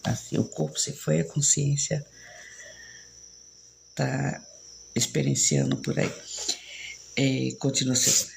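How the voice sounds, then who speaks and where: Host in her fifties with a São Paulo-Bahian blend, very gravelly, chatty and rambling, tossing in tag questions. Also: a bass voice, steady tone, takes it slowly, pauses often, slight background noise. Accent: São Paulo mixed with Bahian. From São Paulo, Brazil. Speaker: live stream host reading viewer comments. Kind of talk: casual chat.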